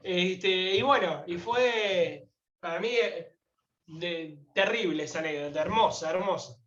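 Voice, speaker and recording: A man's voice: sits high, measured pace, roomy sound, muffled recording. Argentine man telling an emotional story. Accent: Argentine Spanish. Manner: animated, acts out quoted voices. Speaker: guest pilgrim.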